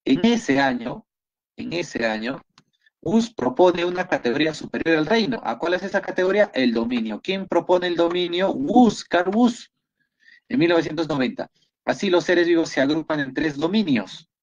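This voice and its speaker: Encouraging Peruvian biology teacher, dull lo-fi audio. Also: male voice, a little high. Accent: Peruvian Spanish. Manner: encouraging, repeats praise often. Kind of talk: online class, reviewing exam questions.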